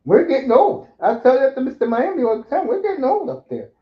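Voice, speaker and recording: A man hosting a casual sports chat, opinionated and lively, calling his guests bro. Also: extremely high pitch, fast talker, echoey room, highs cut off. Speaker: podcast host.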